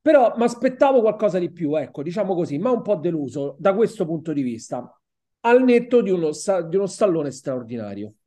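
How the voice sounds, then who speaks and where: A man's voice: high voice, big pitch swings, a little fast, warm tone. A man with an Italian accent co-hosting a podcast, chatting casually about a TV series and often repeating words while he searches for the next one. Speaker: podcast co-host. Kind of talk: casual film and TV review chat.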